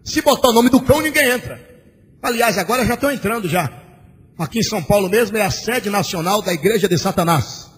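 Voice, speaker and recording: High-voiced preaching man, shouting in a reverberant church. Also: lively intonation, fast. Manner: preaching with sudden shouts and sing-song cadence, acting out dialogue. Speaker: pastor. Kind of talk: sermon. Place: large church. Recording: old church recording with long hall reverb and faint hiss.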